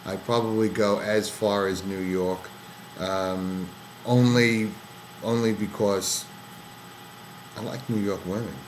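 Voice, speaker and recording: A man's voice: lowish voice, fairly even intonation, takes it slowly, long pauses, slight background noise, poor audio. A man from Pennsylvania co-hosting a casual chat, rambling and restarting his sentences with lots of fillers. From Pennsylvania, USA. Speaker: co-host.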